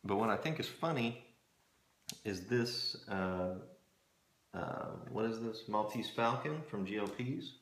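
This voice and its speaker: A middle-aged man chatting casually to camera in a musing, hesitant way, often pausing mid-thought, recorded in a small room at home. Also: on the low side, lively intonation, fairly bright tone. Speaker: pipe-smoking hobbyist reviewing tobacco blends. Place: small home storage room with shelves, indoors. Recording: roomy echo from camera mic.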